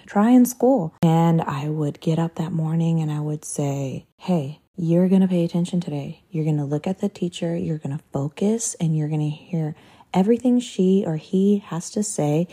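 A Portuguese-speaking podcast host in her thirties, with a low, warm voice, reflects on her life in a personal monologue. She speaks candidly and emotionally, sometimes laughing at herself.

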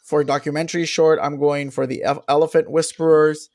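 Man, guest film reviewer, casual chat, chatty, laughs easily, slightly high pitch. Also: little pitch movement, a little fast, darkish tone. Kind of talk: casual chat about award predictions.

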